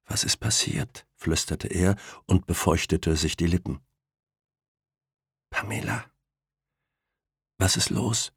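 A man voicing a dazed, injured man who speaks in a hushed, trembling, broken voice. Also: deep voice, takes it slowly, gravelly, pauses often, husky, dry recording, clean studio sound, heavily acted.

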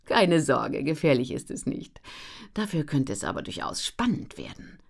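A woman's voice: low-pitched, normal speed, creaky, full character voice. Woman voicing a peppy book editor. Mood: enthusiastic. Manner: bright, energetic, louder. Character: upbeat female book editor, enthusiastic.

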